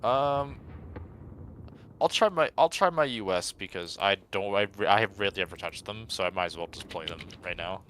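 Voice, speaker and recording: Bright-voiced animated man chatting over games. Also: fairly low pitch, moderate pace. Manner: animated, exaggerated reactions with slang. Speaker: gamer in a friendly match. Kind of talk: casual gaming chat. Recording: faint background noise on voice chat.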